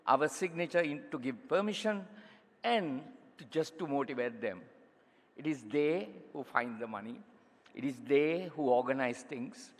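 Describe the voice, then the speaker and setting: A man with a Sri Lankan accent giving a formal ceremonial welcome address as a college principal, phrasing it in a deliberate, emphatic, oratorical way. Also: fairly high pitch. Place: large hall at a ceremony. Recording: echoey hall with long reverb.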